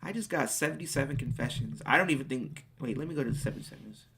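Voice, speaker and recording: Someone in their late teens chats on a live stream, voicing viewers' questions and answering them in eager bursts. Their voice is mid-range, fast and slightly rough.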